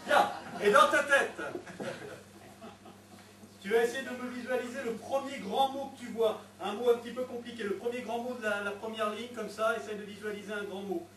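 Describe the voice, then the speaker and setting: A man's voice: extremely high pitch, steady tone, moderate pace, distant mic, noisy background. Man doing a teasing stage mentalist act. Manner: playful, teasing, coaxing spectators. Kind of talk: live stage patter with audience. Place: theatre stage. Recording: echoey theatre recorded from afar.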